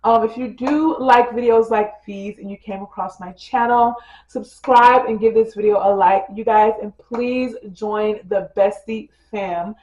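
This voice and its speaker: Speaking at a measured pace in a medium pitch, this lifestyle vlogger sounds a little stuffed up from a cold as she gives a chatty, filler-heavy tutorial. She addresses her audience as "you guys" and "girl." Soft music plays in a dull, roomy-sounding space.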